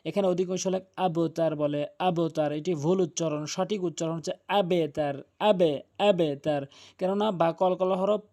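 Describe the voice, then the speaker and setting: A man's voice: sits high, fairly even intonation, normal speed, few pauses, warm tone. A man teaching Quran recitation, earnestly spelling out each letter and rule with emphatic warnings. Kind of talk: religious lesson on Quran recitation.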